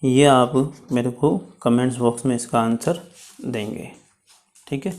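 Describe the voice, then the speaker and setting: A man's voice: medium pitch, a little mellow. A man teaching chemistry in a step-by-step lecture, checking in often with his students. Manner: explains slowly, checks with "ठीक है".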